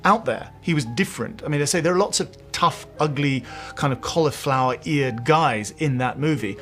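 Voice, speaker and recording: A male commentator in a documentary interview, articulate and emphatic. Music plays clearly beneath him. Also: on the high side, moderate pace, a bit bright.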